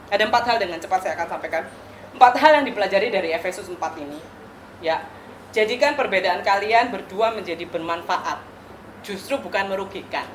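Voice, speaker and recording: A woman's voice: on the low side, noisy background. Woman pastor preaching in an echoey venue. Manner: warm teaching tone with playful asides and rhetorical questions. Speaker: pastor officiating a wedding. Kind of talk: wedding sermon. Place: church or wedding venue. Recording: echoey venue with faint ambience.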